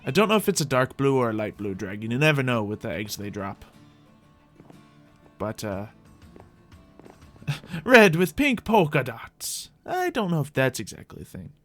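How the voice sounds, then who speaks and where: His mid-range voice swings widely in pitch at a moderate pace, broken by long pauses, while soft music plays behind. He's a gaming host in a roleplay character, riffing playfully and thinking aloud to viewers.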